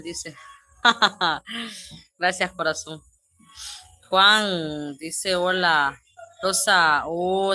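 A woman's voice: on the low side, sharp tone. A woman with a Salvadoran accent hosting a live stream, reading viewer comments aloud and answering each one with pet names. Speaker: livestream host.

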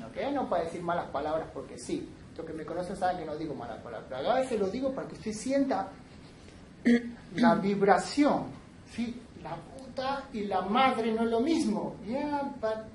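A woman instructor with a mid-range, darkish voice lectures a class, switching between Spanish and English and checking in with her students between points. A distant mic picks her up from across an echoey classroom, with faint room noise behind her.

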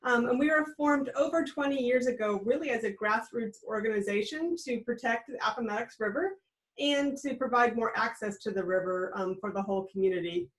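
A low-quality webcam recording captures an American woman in her thirties speaking fairly quickly in a slightly high voice. She's a guest on a video call, a regional trail program director explaining things in a cheerful, friendly way from a small room in her home.

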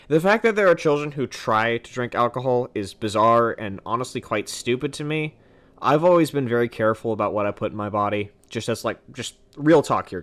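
A young man casually commenting on a game as its host, joking and self-deprecating. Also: mid-range voice. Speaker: gamer host. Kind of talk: casual let's-play commentary.

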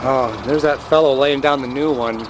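Filming the sky from the roadside and inside a car, a man gives an amused, chatty running commentary, pointing out details into his handheld camera's microphone. He has a medium pitch, fairly even intonation, and moderate pace. The outdoor camera audio is noisy, with traffic in the background.

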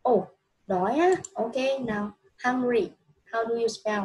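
Woman, kids' English teacher, coaxing and patient, slightly high voice. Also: a little slow, darkish tone, lo-fi sound. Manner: patient, coaxing, repeats answers back. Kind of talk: one-on-one children's English lesson.

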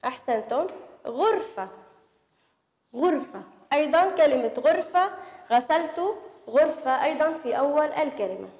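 A woman teacher giving a reading lesson to first-grade children, sounding out letters slowly and clearly. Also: high voice, expressive, darkish tone, echoey room, long reverb tail. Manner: slow, drawn-out spelling of sounds.

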